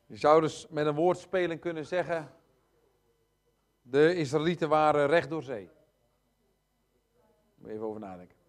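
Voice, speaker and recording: A male preacher delivering a sermon in a noticeably high voice for a man. He talks straight to the congregation, hammering points home with repetition. His delivery swings between loud stresses and quiet, hushed asides. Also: normal speed, long pauses. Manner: addresses congregation directly.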